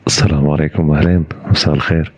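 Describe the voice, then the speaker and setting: A man's voice: very deep voice, fairly even intonation, very fast, over music. A man calling into a live stream, speaking politely and hesitantly as he searches for words. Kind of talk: casual conversation. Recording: muffled live-stream call audio.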